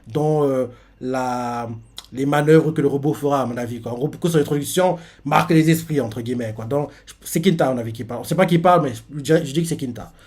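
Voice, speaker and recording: Speaking in a mid-range voice with a dark tone, a man who does manga reaction videos on YouTube goes over a chapter casually, wandering off track and leaning heavily on fillers and repetition.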